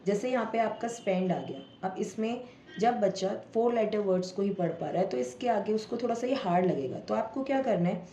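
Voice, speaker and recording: A woman's voice: mid-range voice, mellow. Patient woman teaching parents, echoey room. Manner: patient, explanatory, sounds out word parts slowly. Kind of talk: home tutorial for parents. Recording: echoey room with faint background noise.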